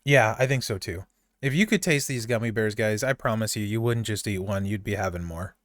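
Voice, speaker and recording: A man's voice: lowish voice, a little fast, no echo. A man hosting a casual podcast chat, talking in an easygoing, enthusiastic way. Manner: chatty, gushes over candy while chewing. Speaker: podcast host.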